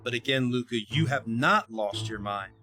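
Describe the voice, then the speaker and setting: Bright-voiced male game master. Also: medium pitch, normal speed. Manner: playful, joking. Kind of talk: narrating a tabletop game.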